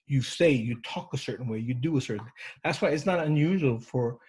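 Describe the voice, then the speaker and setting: A counseling instructor with a husky, slightly breathy, darkish voice of medium pitch lectures his class briskly and informally. He thinks aloud, restarting sentences and using fillers, and frequently checks in with his students in a conversational way.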